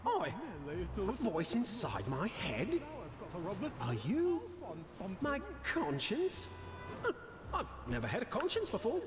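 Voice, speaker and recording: An actor playing a pompous, shameless British gentleman villain in a video game, theatrical and full of old-fashioned slang. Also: high voice, huge pitch swings, slow pace, pauses often, echoey room, big-room sound, noisy background, exaggerated voice. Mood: puzzled, breezy. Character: pompous, shameless gentleman villain who murders rich wives. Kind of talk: video game character acting.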